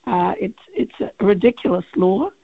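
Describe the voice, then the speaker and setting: Her medium-pitched voice is gravelly and croaky as this barrister, a radio guest on the phone, works through her answers with many fillers and restarts. The phone line is tinny and the recording dry.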